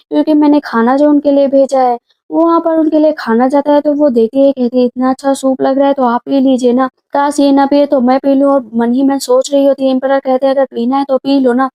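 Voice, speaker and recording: High-voiced woman narrating a drama recap. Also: little pitch movement, fairly quick. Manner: retells scenes, speaking the characters' lines in her own voice. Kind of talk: casual storytelling narration. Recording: dull lo-fi sound.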